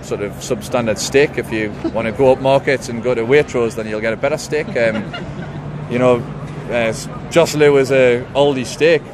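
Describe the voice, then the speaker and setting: A man's voice: mid-range voice, moderate pace, noisy background. A man giving a blunt, wry football opinion with colourful comparisons. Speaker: football fan interviewee. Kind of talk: casual opinion. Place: outdoors on a busy street. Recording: crowd chatter behind.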